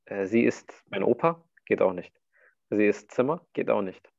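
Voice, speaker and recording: A man's voice: on the low side, lively intonation, normal speed, creaky, a little mellow, no echo, muffled recording. A man teaching Arabic in a one-to-one online lesson, patiently walking his student through each answer.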